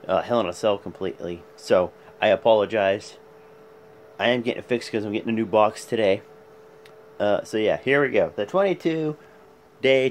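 A man in his thirties hosting a casual vlog, chatting to his phone at arm's length in a small room. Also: on the low side. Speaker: vlog host. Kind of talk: casual chat to camera. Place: small bedroom at home. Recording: noisy phone recording in a room.

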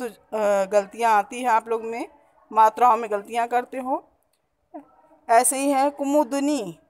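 Slow-paced woman teaching Hindi pronunciation. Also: fairly high pitch. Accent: Hindi as spoken around Allahabad. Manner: explains step by step, repeats words slowly to correct them. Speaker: school teacher. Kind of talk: classroom lesson on pronunciation.

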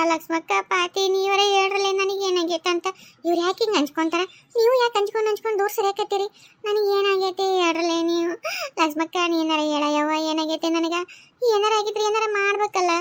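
A very high, quick-talking young village wife in a cartoon, voiced by a woman with a North Karnataka Kannada accent. She keeps asking plaintive, bewildered questions about what is happening to her. The recording is close and dry. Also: a bit bright, no echo. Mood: pleading. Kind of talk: cartoon voice acting.

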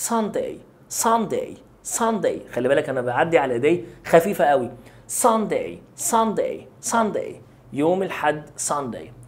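A man with an Egyptian Arabic accent teaching English pronunciation, slowly repeating each word many times for learners. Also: a little high. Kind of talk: pronunciation lesson.

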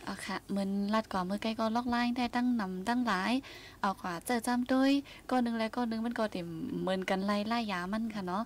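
A woman hosting a casual radio talk show, speaking briskly and addressing listeners. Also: a little high, slight background noise. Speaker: radio host.

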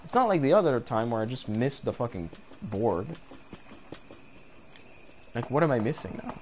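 A young gamer gives let's play commentary on his own gameplay in a very animated mid-range voice at a moderate pace. He's frustrated, rambling and swearing as he plays, with audible background noise behind him.

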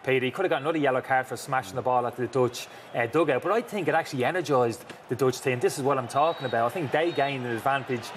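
Fast-talking middle-aged male football pundit. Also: mid-range voice. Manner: emphatic, talks over replays. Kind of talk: studio match analysis. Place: large TV studio set. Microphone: lapel. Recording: TV studio with background noise.

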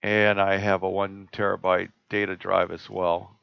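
A man presenting a live screen-share tutorial on a video call, talking in a relaxed, halting way with many fillers and restarts. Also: deep voice, creaky, clean tone, no room sound. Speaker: astronomy club presenter. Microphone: computer mic on a video call. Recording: dull lo-fi video call audio.

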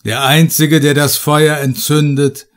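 A living stone idol of great age thunders and mocks in this horror audiobook, voiced by a man reading. Its words come slow and loud, cold and looming over the listener. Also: a little high, level tone, voice pushed up, lightly acted. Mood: booming, scornful. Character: booming mocking ancient living stone idol.

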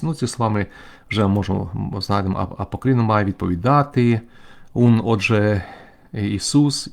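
Low-voiced man teaching scripture. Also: creaky. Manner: measured, explanatory, frequent "uh" fillers while working through Greek. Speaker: bishop teaching a Bible class. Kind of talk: remote Bible study lecture.

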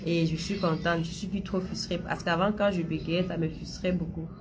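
A woman's voice: lowish voice, fairly even intonation, normal speed, noisy background. A young woman hosting a casual live stream, talking straight to her viewers, repeating herself, with a slight stammer she says has eased. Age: young adult. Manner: chatty, addresses viewers directly, repeats phrases. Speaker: livestream host answering viewers.

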